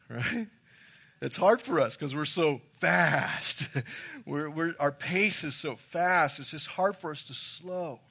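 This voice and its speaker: Guy pastor preaching, kinda high voice, keeps repeating his points and talking right to the crowd. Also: expressive, a little slow, a bit bright, husky. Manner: emphatic, repeats key phrases; engages the congregation directly. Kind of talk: sermon.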